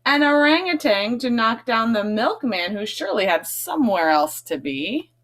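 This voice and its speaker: This teacher or read-aloud host has a slightly high, fairly bright voice and sounds very animated at an ordinary speed. As she reads a picture book to children, she punches key words and tosses in conversational, questioning asides.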